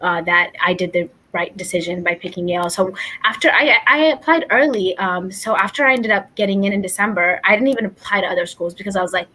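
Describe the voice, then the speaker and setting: A woman's voice: medium pitch, steady tone, fast talker, pushed and bright. A young woman from Ethiopia, a guest on a talk show, answering interview questions in an earnest, thoughtful way over a video call. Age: young adult. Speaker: guest, incoming college student.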